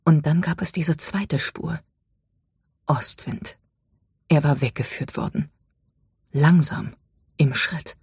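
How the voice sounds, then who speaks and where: An audiobook narrator reading a dramatic story, dropping to a hush at tense moments. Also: medium pitch, slightly rough, no room sound, clean studio sound.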